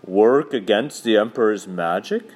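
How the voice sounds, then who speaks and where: A man voicing a noble lion who speaks gravely and slowly. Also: animated, darkish tone. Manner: grave, low and measured. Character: great grave male lion, noble and commanding.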